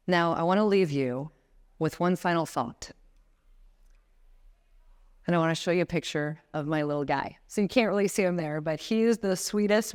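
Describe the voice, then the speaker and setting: A woman's voice: sits low, darkish tone, clear, resonant tone. A woman in her thirties giving a motivational talk as a guest speaker, emphatic and building to passionate appeals. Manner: emphatic, rising to passionate exhortation. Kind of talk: motivational talk to a live audience.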